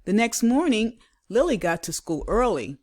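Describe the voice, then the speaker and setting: A woman's voice: on the high side, big pitch swings, normal speed, a little mellow. A woman reading a children's picture book aloud like a teacher, with dramatic, emphatic delivery. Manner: dramatic, emphatic delivery with acted character voices. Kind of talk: expressive children's storybook read-aloud.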